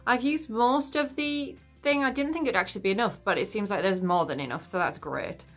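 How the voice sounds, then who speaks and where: A woman's voice: medium pitch, brisk, soft background music. A woman vlogging casually to camera while wearing a wet face mask, chatty and thinking aloud. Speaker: beauty vlogger. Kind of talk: casual vlog chat to camera.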